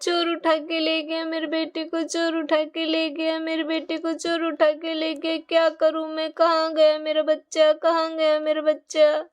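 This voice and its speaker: A woman's voice: very high voice, completely flat delivery, unhurried, few pauses. A woman voicing a distraught young mother who wails for her lost child. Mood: wailing. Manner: wailing.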